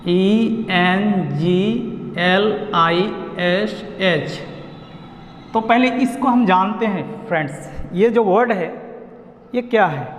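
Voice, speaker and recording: High-pitched guy w a bihar accent teaching english, goes over the same word again and again, echoey room. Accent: Indian, Bihar. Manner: slow, repetitive explaining of pronunciation. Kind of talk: online lesson. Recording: echoey room with long reverb.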